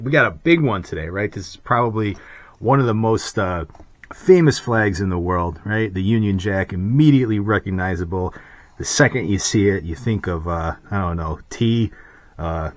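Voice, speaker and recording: An American man hosting a casual drawing vlog, talking in a rambling, chatty way full of asides. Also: deep voice. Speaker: host.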